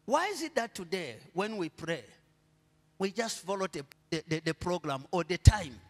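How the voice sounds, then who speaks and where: With a high-pitched, sing-song delivery and a big-room sound, a middle-aged Zambian pastor preaches from a church stage into a handheld mic. He poses call-and-response questions so the congregation can finish his sentences, moving between soft murmurs and loud, drawn-out declarations.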